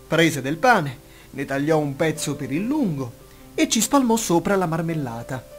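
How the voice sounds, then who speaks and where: A man reading a fairy tale aloud as a bedtime story, telling it in an expressive, lively way. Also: fairly high pitch, a little slow. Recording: narration over soft instrumental music.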